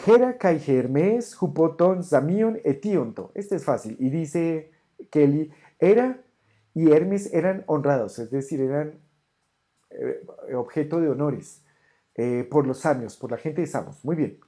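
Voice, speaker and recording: A teacher giving an online ancient Greek grammar lesson, patiently correcting homework and sounding out Greek words slowly. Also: mid-range voice, animated, warm tone. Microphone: camera on a desk.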